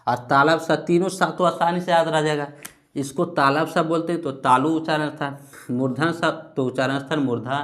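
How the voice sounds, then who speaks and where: A man's voice: on the high side, fairly even intonation, fairly quick, a bit bright. A male teacher with a Bihari Hindi accent giving a grammar lesson, drawing out syllables to demonstrate them and answering his own questions.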